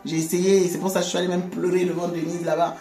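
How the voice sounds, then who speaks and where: A woman giving a conversational faith testimony, animated, laughing often and repeating words. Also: lowish voice, fast talker. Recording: echoey room with faint music.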